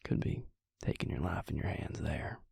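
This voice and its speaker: A man plays a gentle, self-deprecating, protective vampire in an intimate audio roleplay, whispering in a gravelly, breathy bass with a halting, softly teasing delivery. The heavily acted performance feels warm and teasing, recorded without echo.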